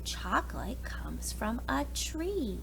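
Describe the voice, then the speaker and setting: With a high, very animated voice and a slow pace, an American preschool teacher reads a picture book expressively. She addresses young children directly through questions and asides, and background noise is clearly present.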